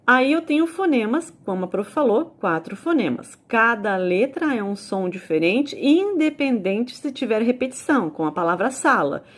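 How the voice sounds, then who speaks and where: A woman with a Brazilian Portuguese accent teaching a recorded video lesson, explaining slowly, spelling out sounds and repeating key points. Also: mid-range voice, breathy edge.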